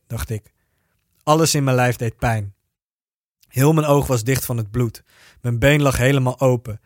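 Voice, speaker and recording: A man reading a first-person story aloud in a steady, even narrating voice. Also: mid-range voice, no room sound, studio quality.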